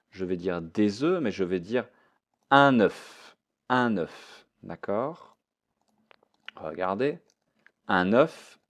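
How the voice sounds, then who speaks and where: A man's voice: low voice, a little mellow. A man teaching a French vocabulary lesson, repeating each word and mixing in English explanations.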